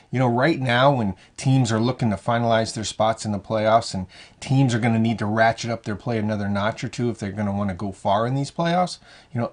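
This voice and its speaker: A man talking straight to his viewers as a hockey confidence coach, encouraging and conversational, often saying "you know" and restarting phrases. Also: mid-range voice. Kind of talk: motivational talk to camera.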